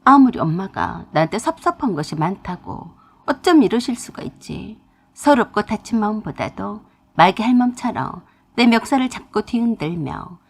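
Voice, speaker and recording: A woman narrates a first-person family story in a confiding, emotional way. Her voice is husky, with a wide, lively pitch range.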